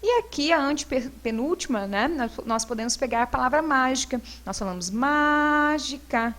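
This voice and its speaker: A woman's voice: high-pitched, lively intonation, a little fast. A female teacher with a Brazilian Portuguese accent, going through homework answers in a recorded lesson and explaining each point step by step. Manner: patient, explains step by step with frequent "né".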